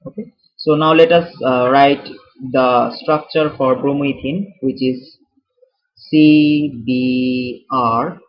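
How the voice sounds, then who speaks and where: A man teaching chemistry in a casual lesson, repeating himself often, with halting restarts and fillers. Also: mid-range voice, steady tone. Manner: informal and jokey with viewers. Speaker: chemistry tutor. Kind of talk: explanatory lesson over a whiteboard. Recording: dull, lo-fi.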